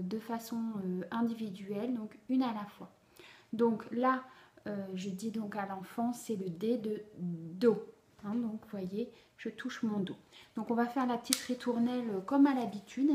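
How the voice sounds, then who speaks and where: A woman explains a reading method to parents in a patient, instructive tone. Her voice sits somewhat high, and the recording carries a roomy echo. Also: dark tone. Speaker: reading teacher.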